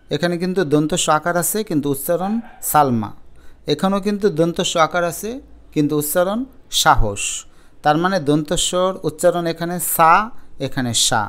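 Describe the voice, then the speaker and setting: A male teacher working through a grammar lesson for exam students, breaking words into syllables and sounding each one out. His voice sits fairly high and comes through smooth and clear. He talks straight to his students. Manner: explains step by step, slowly sounding out syllables.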